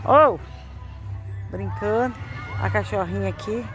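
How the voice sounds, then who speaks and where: A woman's voice: medium pitch, lively intonation, measured pace, over music. A Brazilian woman filming herself outdoors, chatting to viewers and coaxing her pets in a raised sing-song voice. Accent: Brazilian Portuguese. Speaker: vlogger walking her dogs. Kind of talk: casual vlog chat to pets and viewers. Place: outdoors in a garden at dusk.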